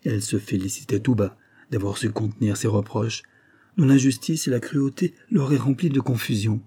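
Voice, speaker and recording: A man narrating a classic novel as an audiobook, reading in a measured, steady way. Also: mid-range voice, breathy edge.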